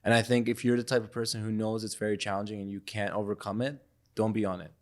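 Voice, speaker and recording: A man's voice: lowish voice, flat delivery, fast. A young man from Iraq, a photographer and podcast guest, speaking in a reflective, loose, conversational way. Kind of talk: casual interview talk.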